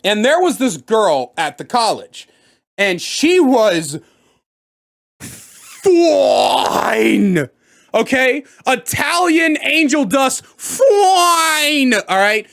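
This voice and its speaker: A man in his thirties telling a profane comic story to camera, animated and bursting into loud outbursts. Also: very high-pitched, drawn-out words, gravelly. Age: 30s. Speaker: comedic storyteller. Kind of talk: profane comedic storytime rant.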